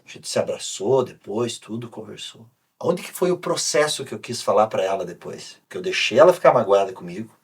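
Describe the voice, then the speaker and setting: Husky-voiced coach telling a story. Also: male voice, on the low side, fairly quick. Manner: animated, anecdotal storytelling with many restarts. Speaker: sports coach, podcast guest. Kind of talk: casual podcast conversation.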